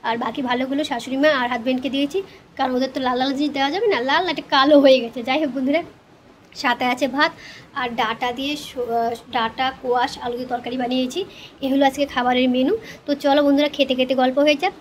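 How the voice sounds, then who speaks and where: A woman's voice: sits high, steady tone, racing. A woman with a West Bengal Bengali accent chats casually to viewers over a meal as a food vlogger, sometimes talking with food in her mouth. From West Bengal, India. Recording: clear background noise and ambience.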